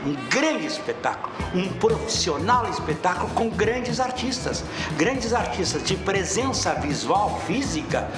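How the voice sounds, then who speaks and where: A man's voice: high voice, reverberant. A man speaking emphatically in a documentary interview, repeating phrases and posing rhetorical questions.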